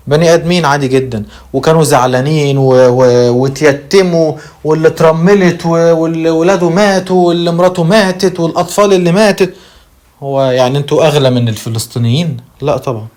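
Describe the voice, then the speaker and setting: Emphatic Egyptian man, fairly high. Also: a little mellow. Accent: Egyptian Arabic. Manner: emphatic, slows for stress. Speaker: channel host. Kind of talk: commentary on news quotes.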